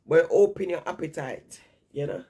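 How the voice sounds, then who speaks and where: A woman vlogger nursing a cold and a stuffy nose chats to her viewers, rambling and repeating herself. Her low voice is expressive and slightly rough, with a dark tone and a moderate pace.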